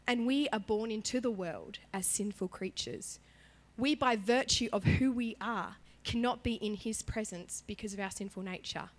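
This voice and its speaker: Preaching in church with a prayer woven in, this female worship leader sounds hoarse, her voice half gone from being sick. Her delivery is lively and conversational, pitched in the middle and moving at a moderate pace.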